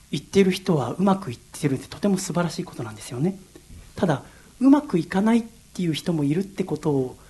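A man's voice: on the high side, darkish tone. A young man from Yokohama hosting a solo radio show, telling personal stories in an earnest, reflective way. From Yokohama, Japan. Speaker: radio host.

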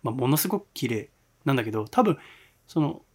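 A middle-aged man hosting a casual talk radio show, chatting with curiosity and excited rising questions. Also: mid-range voice, quick pace. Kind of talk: casual podcast chat.

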